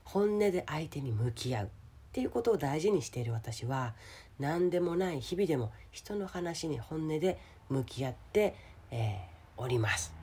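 A woman with a hoarse, gravelly voice gives a casual motivational solo talk as a radio host, speaking directly to the listener. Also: low-pitched. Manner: addresses the listener directly with questions and soft sentence-ending particles. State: hoarse today.

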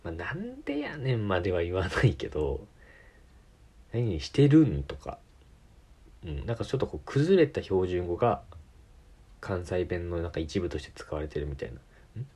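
A man's voice: low-pitched, expressive, normal speed, darkish tone, breathy edge. A man from Tokyo with a Tokyo accent, hosting his own podcast and rambling casually, correcting himself and laughing often. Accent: Tokyo Japanese. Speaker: podcast host. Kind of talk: casual solo talk.

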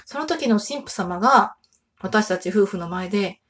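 Chatty breathy mother on a podcast. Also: mid-range voice, a little slow. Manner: chatty, animated, laughing often. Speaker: podcast host. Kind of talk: casual solo chat.

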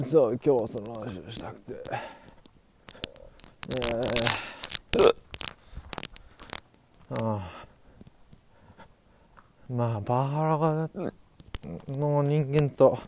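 A man of twenty-five, very drunk, rambling haltingly through a casual solo podcast, repeating and restarting his words. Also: medium pitch. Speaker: podcast host. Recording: clearly noisy recording with clicks.

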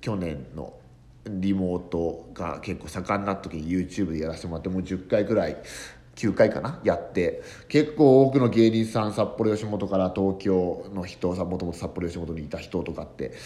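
A deep, mellow voice at normal speed belongs to a man hosting a relaxed solo podcast. The comedian and tanka poet spins out a rambling tale heavy with fillers.

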